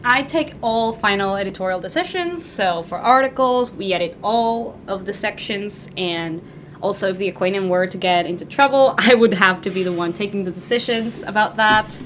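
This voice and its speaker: A young woman from Peru, a student editor-in-chief, answering interview questions in a friendly, soft-spoken way with some uhs. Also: medium pitch, moderate pace, slight background noise. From Lima, Peru. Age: young adult.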